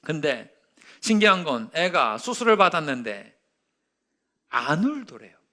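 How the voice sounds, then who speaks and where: A male pastor preaching a sermon, telling a story and acting out its quotes, dropping to a hush and rising loud again. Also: fairly high pitch, sing-song, a little slow. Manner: storytelling with acted-out quotes, swinging from hushed to loud.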